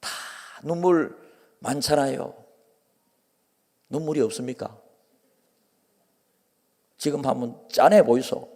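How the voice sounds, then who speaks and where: A man's voice: mid-range voice, slow pace, long pauses, warm tone. A male pastor with a Gyeongsang accent preaching a sermon, earnest and repetitive in his cadence. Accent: Gyeongsang Korean. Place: church sanctuary. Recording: long reverb of a church hall.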